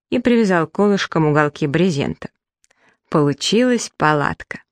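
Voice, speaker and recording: A woman narrating a children's audiobook in the first person, lively and acting out the dialogue. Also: low-pitched, dry recording, clean studio sound. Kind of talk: children's story reading.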